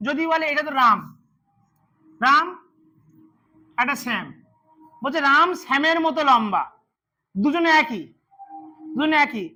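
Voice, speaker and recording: A man's voice: extremely high pitch, expressive, unhurried, long pauses, sharp tone, faint music behind. A man teaching English grammar to a class, repeating words and quizzing his students as he goes. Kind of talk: classroom lesson.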